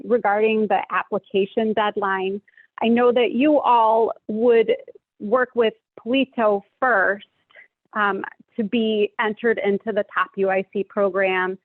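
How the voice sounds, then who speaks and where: A woman's voice: medium pitch, no echo. A woman speaking as a program assistant in a webinar, friendly and informal. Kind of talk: webinar presentation. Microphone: video call. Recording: dry phone-like audio.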